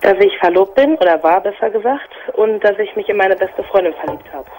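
A woman's voice: mid-range voice, expressive, brisk, a little mellow. A young woman of twenty on a phone line to a radio show. She talks casually and strings her sentences together at length. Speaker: caller. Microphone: telephone line.

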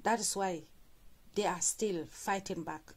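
A woman's voice: mid-range voice, measured pace, darkish tone, breathy edge. A woman hosting a fan channel, talking viewers through church clips and repeating what was said. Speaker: channel host commentator. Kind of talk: reaction commentary.

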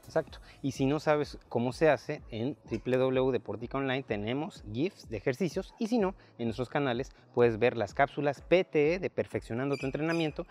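A man's voice: medium pitch, fairly quick, few pauses, faint music behind. A man in his thirties hosting a casual fitness chat outdoors in a park, talking loosely with fillers, on a lapel mic. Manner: relaxed, conversational, frequent fillers. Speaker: fitness coach and host. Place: outdoor park workout area.

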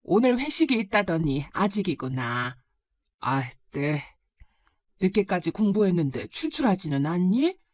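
Doting elderly grandmother, soft and slow, read by a woman narrator. Dry, close sound. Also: lowish voice, big pitch swings, no room sound. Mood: tender, fussing. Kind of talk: storybook narration.

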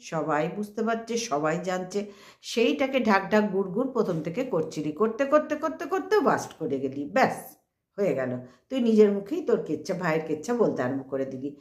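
Sarcastic woman scolding in an echoey room. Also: mid-range voice. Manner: mocking, sarcastic, addresses target directly. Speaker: commentary vlogger. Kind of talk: scolding commentary rant.

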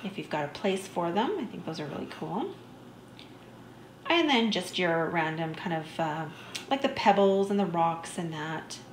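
A woman's voice: lowish voice, lively intonation, a little slow, reverberant, slight background noise. A woman narrating a shopping vlog in a chatty, easygoing way, enthusiastic about small finds. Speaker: vlogger. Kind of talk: shop-with-me voice-over narration.

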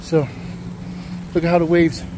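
This middle-aged man, a vlogger, gives a casual walking tour of a waterfront park and chats with people along the way. His voice is a little high with little pitch movement, and he speaks a little slowly. It's filmed on a handheld camera on the move, with faint wind and outdoor ambience.

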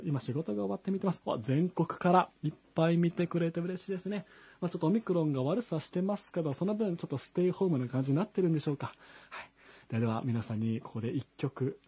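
A man's voice: high-pitched, dark tone, slightly rough. A singer-songwriter chatting casually from his home studio, greeting viewers by name and reading their comments aloud. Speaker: singer-songwriter hosting a live stream. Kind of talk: casual chat to online viewers.

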